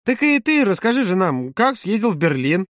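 Guy doing a shrill pushy young woman in an audiobook, high and loud. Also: big pitch swings, moderate pace, no room sound, clean studio sound. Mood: excited. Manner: exclaiming, insistent.

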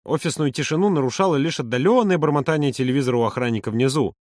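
A man narrating an audiobook in an expressive, varied reading. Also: mid-range voice, racing, no room sound, studio quality.

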